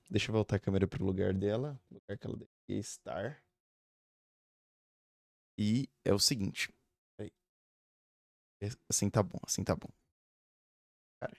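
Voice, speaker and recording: There's vocal fry in this man's low, darkish voice, captured cleanly in the studio without echo. In his early twenties, he vlogs from a home room, rambling on casually and often tossing in fillers and tag questions.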